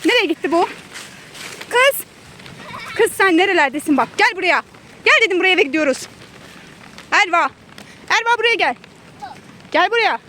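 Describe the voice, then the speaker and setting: High voiced mom yelling for her kids outside, phone cam, lots of outdoor noise. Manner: calling and scolding children, often laughing. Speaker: mother filming her children. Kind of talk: casual family vlog. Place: outdoors in a park or picnic area. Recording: noisy outdoor phone recording.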